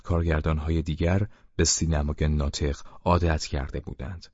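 Low-voiced man narrating an audiobook. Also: no room sound. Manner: steady, measured storytelling. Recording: dull, muffled sound.

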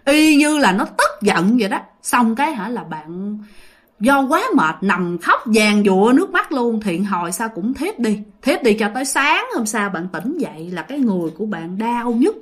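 A woman's voice: fairly high pitch, big pitch swings, moderate pace. A woman telling a ghost story in a chatty, repetitive way, often speaking straight to her listeners. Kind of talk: casual ghost story narration.

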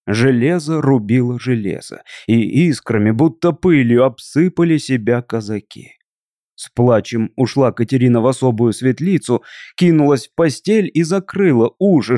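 A man's voice: mid-range voice, expressive, mellow, no echo, studio quality. Man narrating a dramatic tale. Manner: measured, dramatic storytelling. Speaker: audiobook narrator.

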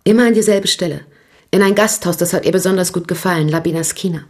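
In a radio crime drama, this actress voices a nervous, chatty shop owner, talking fast in a fairly low, darkish voice. She is hesitant and confiding, gossipy, and keeps starting her sentences over.

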